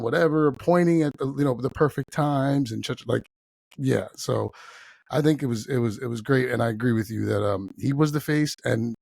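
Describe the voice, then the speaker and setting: Gravelly, husky man talking wrestling. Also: medium pitch, darkish tone, dry recording, clean studio sound. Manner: emphatic, enthusiastic fan talk. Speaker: podcast co-host. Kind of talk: casual wrestling podcast banter.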